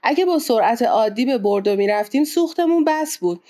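A woman's voice: fairly high pitch, lively intonation, warm tone, lightly acted. A woman voicing a serious, worried ship engineer who reports anxiously and respectfully in a storybook reading.

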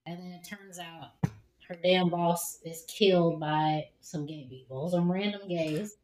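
A woman co-hosting a podcast in casual discussion, animated and quick-talking. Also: fairly low pitch. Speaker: podcast co-host. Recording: roomy echo.

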